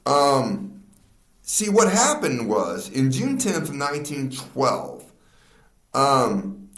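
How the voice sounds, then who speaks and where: Slow, lively-voiced podcast host man. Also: on the high side. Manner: laughs often, slips on words and restarts. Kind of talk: casual chat, reading a true crime story. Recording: echoey room.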